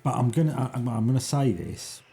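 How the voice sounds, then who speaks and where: A man's voice: mid-range voice, animated, fairly quick, creaky, dark tone. A man chatting casually with friends and viewers on a game stream.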